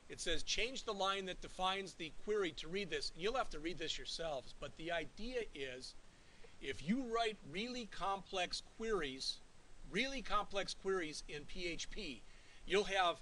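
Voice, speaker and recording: A man lectures a college class in a bright, forceful voice that sits a little high. He keeps it conversational and keeps checking that the students follow. A faint hiss runs under the classroom recording. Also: poor audio. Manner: conversational, checks in often with "all right?". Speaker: college instructor.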